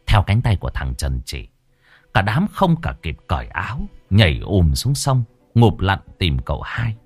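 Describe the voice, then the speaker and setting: Casting: male narrator, deep, lively dramatic storytelling, dry close mic. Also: a little slow, slightly rough, no echo, soft background music.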